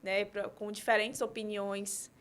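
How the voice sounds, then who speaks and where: Uma mulher convidada, pedagoga e terapeuta, explicando com exemplos numa conversa de podcast e pontuando as frases com "né?". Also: female voice, mid-range voice, level tone, measured pace, clear, resonant tone. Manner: explains with examples, frequent "né?". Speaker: guest, pedagogue and therapist.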